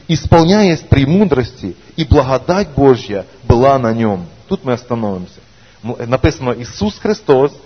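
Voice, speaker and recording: A man's voice: on the high side, breathy edge. A male pastor preaching a sermon, repeating "amen" and building to emphatic calls. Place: church hall. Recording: echoey church hall, dull lo-fi sound.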